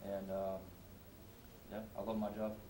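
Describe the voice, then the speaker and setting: A man's voice: lowish voice, monotone, a little slow. A man from Wisconsin introducing himself to a group as an army sergeant. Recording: echoey room, distant mic, noise.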